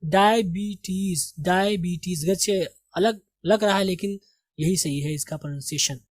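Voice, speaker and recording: A woman's voice: lowish voice, no echo. Woman drilling English words, dry sound. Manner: slow, deliberate pronunciation drills with quiz questions. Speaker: English teacher. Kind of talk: vocabulary lesson.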